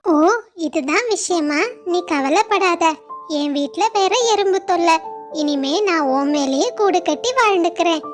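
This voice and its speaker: A kind-hearted little sparrow, played by a woman in a very high, sweet voice. She talks gently and cares about her friends, in the tone of a children's cartoon. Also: a little slow, soft background music. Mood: friendly.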